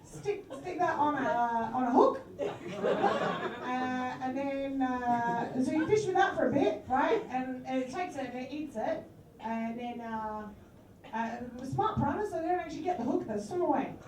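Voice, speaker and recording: A woman improvises as a cheery animal tooth fairy onstage at a live comedy venue, playful and rambling with lots of fillers. She speaks high and unhurried with lively intonation; the far mic catches room echo, a loud audience and slight background noise.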